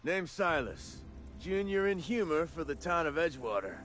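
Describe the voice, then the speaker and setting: Silas, a folksy undertaker. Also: male voice, a little high, big pitch swings, normal speed, a bit bright. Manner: drawling, folksy, conspiratorial. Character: folksy undertaker man, middle-aged, shady and businesslike. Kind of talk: game dialogue. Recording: game audio with background music.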